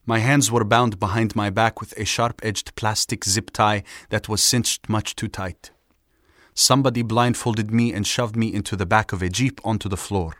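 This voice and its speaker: A man reading a first-person memoir aloud in a measured, grave, steady storytelling manner. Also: on the low side, dry recording, clean studio sound. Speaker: audiobook narrator.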